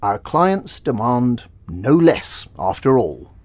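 A man's voice: mid-range voice, big pitch swings, slow pace, darkish tone, dry recording. An actor with a Slavic accent playing a secretive, smug male recruiter of child chefs, every syllable clipped and exact. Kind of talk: audio drama acting.

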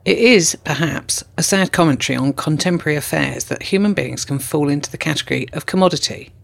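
Gravelly man narrating formal documentary. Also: fairly high pitch. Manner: measured, formal reporting. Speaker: narrator, correspondent.

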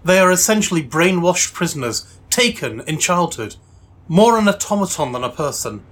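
Man as a stern activist spokesman, firm condemning statement, slightly high voice; audio drama. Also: sing-song, moderate pace, fairly bright tone, full character voice. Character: stern male anti-slavery spokesperson.

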